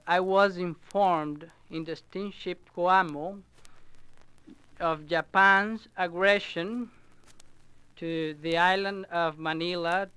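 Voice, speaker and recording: A man speaks slowly and deliberately, choosing formal words. His voice is very crisp and clear. The sound is dry and close. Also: on the high side, sharp tone, no echo. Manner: measured, formal wording. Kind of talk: street interview statement.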